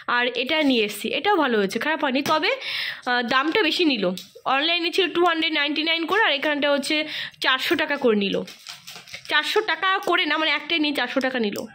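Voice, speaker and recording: Kolkata bengali woman in her 30s, high voice, coughy, rambling haul vlog, echoey room. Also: a little fast, sharp tone. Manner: chatty, rambling, talks straight to viewers. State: has a cough. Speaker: lifestyle vlogger. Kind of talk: casual shopping haul vlog. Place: home room indoors.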